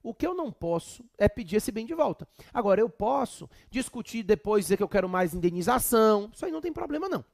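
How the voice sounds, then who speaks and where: A man's voice: high-pitched, big pitch swings, fast, gravelly, hardly any pauses, darkish tone, dry recording, clean studio sound. A man with a Brazilian accent giving a chatty law exam prep lecture with humorous asides. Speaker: law teacher.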